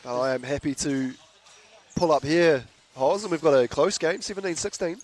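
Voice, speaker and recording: A man's voice: on the high side, moderate pace, slight background noise. Laid-back New Zealand commentator man. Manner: laid-back, chatty, laughs easily. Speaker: basketball commentator. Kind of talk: live sports commentary with banter.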